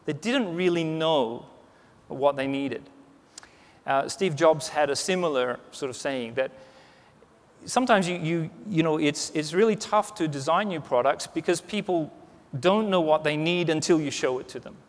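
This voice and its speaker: A keynote speaker in his forties talks at a moderate pace in a voice on the high side. His conversational delivery on the large stage is full of restarts and "you know." Sound reverberates through the conference hall.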